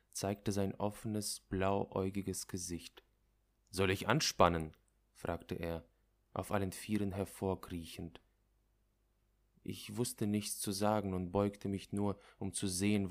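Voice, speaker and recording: Low-voiced guy reading a literary story out loud, slow and dramatic. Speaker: narrator.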